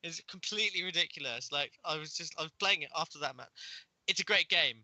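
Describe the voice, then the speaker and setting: A man's voice: on the high side, fast talker, sharp tone, no echo. A man hosting a casual gaming podcast, rambling and laughing often as he chats. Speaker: podcast host. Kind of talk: casual chat.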